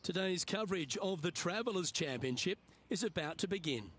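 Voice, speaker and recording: A man playing a golf commentator, calling play in a polished, measured broadcast style for a video game. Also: sits high, animated, fairly bright tone, full character voice. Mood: upbeat welcome. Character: upbeat male TV golf anchor. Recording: clear background noise.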